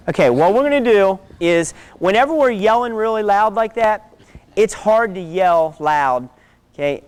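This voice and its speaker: A man's voice: sits high, clear, resonant tone. A man teaching a self-defense class, giving direct instructions and often checking in with "okay?".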